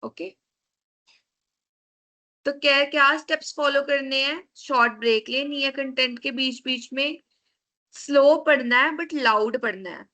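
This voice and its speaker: Slow, bright-voiced woman teaching. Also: sits high. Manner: slow, repeats key steps to students. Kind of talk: online class lecture. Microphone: video call.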